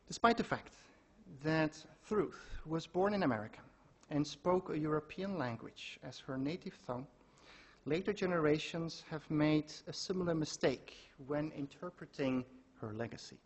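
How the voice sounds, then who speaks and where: A man giving a measured academic lecture, reading out quotations from his sources. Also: fairly high pitch, husky. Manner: measured, quoting sources aloud. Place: lecture hall.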